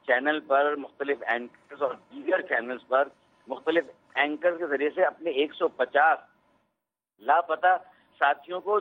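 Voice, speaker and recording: Man, phone-line guest, insistent, talks over others, tinny lo-fi line, somewhat high voice. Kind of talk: political debate on a phone line.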